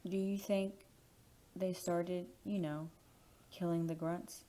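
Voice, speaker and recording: A man voicing a worried young wife in a soft, hushed falsetto for an audiobook. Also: level tone, slow. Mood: anxious. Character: worried young wife pleading for her husband. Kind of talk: audiobook character voice.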